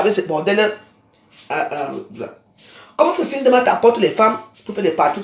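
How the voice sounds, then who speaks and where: A woman in her fifties from Cameroon, delivering a scolding, accusatory rant to camera that swings between shouting and quiet muttering. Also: fairly low pitch. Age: 50s. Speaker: social media vlogger. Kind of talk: angry personal rant to camera. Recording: echoey room.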